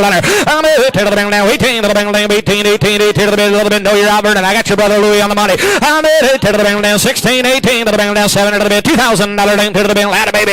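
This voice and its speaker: A man working as a livestock auctioneer, calling bids in a rapid, repetitive chant with filler phrases between the numbers. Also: high voice, a bit bright, smooth, low-quality recording.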